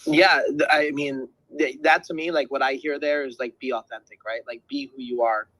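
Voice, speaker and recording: A man hosting a podcast interview, relaxed and chatty, often stumbling and repeating words. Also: medium pitch, moderate pace, no room sound, rough recording. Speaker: podcast host. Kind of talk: casual interview chat.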